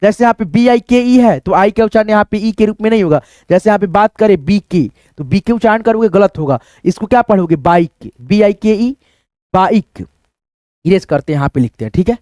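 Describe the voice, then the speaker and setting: A man's voice: high-pitched, expressive, brisk, a little mellow, dry recording, clean studio sound. Man spelling English words in a patient lesson. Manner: spells words letter by letter, repeats them, addresses viewers as friends; patient, repetitive. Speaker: English teacher. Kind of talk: spoken phonics lesson at a board.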